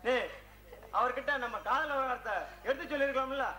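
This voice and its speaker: A man's voice: very high voice, steady tone, fairly quick. A man playing an affectionate young lover who comforts and teases his sweetheart on a village stage. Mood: tender. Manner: tender, teasing, reassuring. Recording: echoey open-air stage with loud music.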